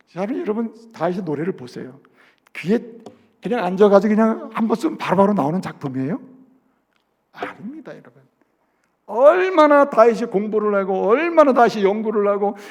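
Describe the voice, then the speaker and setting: A man preaching a sermon as a pastor, asking the congregation questions and swinging between loud emphasis and soft, low asides.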